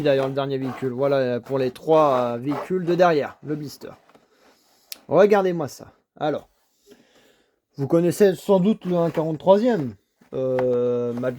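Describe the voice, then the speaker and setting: Showing off toy cars at his desk at home, a vlogger and collector keeps repeating eager compliments, tripping over words and restarting in relaxed unboxing commentary. His male voice is slightly high and a little mellow, with faint hiss or hum in the background.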